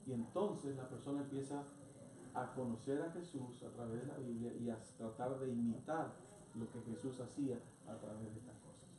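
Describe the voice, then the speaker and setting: A man's voice: medium pitch, fairly even intonation, normal speed. A male pastor preaches earnestly, often asking his listeners short rhetorical questions. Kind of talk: sermon. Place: church hall. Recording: echoey church hall from far off, noisy.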